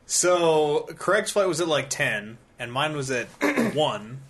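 A man's voice: fairly high pitch, very animated, takes it slowly, fairly bright tone. A man hosting a gaming podcast, telling a rambling travel story in casual chat, swearing freely. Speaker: podcast host.

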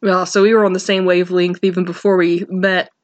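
A woman hosting a podcast in a chatty, relaxed way, recorded through a built-in laptop microphone with low-quality audio. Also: brisk, no echo, lo-fi sound. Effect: low-quality laptop mic audio. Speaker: podcast host. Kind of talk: casual podcast chat.

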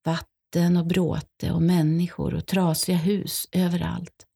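A woman reading, in first person, a young boy's quiet, numb account of being lost after disaster. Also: lowish voice, level tone, gravelly, slightly rough.

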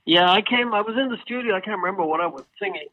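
A man being interviewed as a guest singer, telling stories in a casual, animated way and acting out what others said. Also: high voice, racing, a little hiss or hum. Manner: animated storyteller, acts out quoted exchanges. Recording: tinny phone line.

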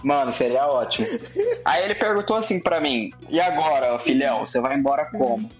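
A young man casually telling a story in lively slang, acting out the other people's lines. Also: mid-range voice, a little fast, faint music behind. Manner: animated slangy storytelling, acts out voices. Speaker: storyteller guest.

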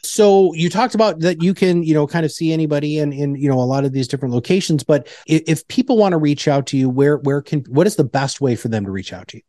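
A man's voice: a little high, quick pace, hardly any pauses, warm tone, dry recording, studio quality. A man speaking as a podcast host, with a polished announcer delivery. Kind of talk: podcast hosting and scripted outro narration.

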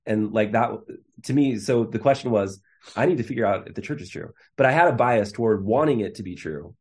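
A man's voice: lowish voice, expressive, a little fast, a little mellow, slightly rough. A man in his thirties, an interview guest, telling his story in a casual way, with many fillers and restarts. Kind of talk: conversational storytelling.

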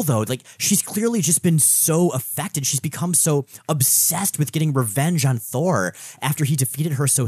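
A man's voice: mid-range voice, darkish tone, breathy edge, no room sound, clean studio sound. A man co-hosting a conversational comic-book recap show, telling the story expressively. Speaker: podcast co-host.

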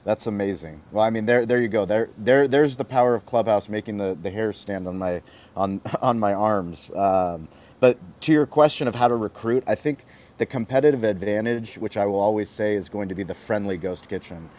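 A man's voice: lowish voice, normal speed, darkish tone. A man talking energetically and emphatically on an audio chat panel, stacking repeated phrases to drive his points home. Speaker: restaurant marketing guest speaker. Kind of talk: motivational panel talk.

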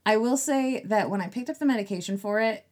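Woman podcast co-host, hoarse and squeaky, chatty and self-mocking. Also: fast talker, a little mellow. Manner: chatty, self-deprecating storyteller. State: hoarse, squeaky voice from throat infection. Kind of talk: casual chat.

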